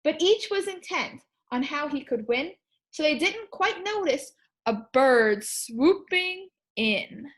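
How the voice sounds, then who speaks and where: Female primary teacher for picture-book read-aloud: high voice, unhurried pace, expressive, questioning delivery. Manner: expressive, questioning, explains simply to children.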